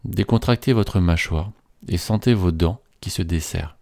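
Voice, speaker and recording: A man slowly reading a guided relaxation script in a soothing, measured way. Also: sits low, dark tone, no echo, clean studio sound.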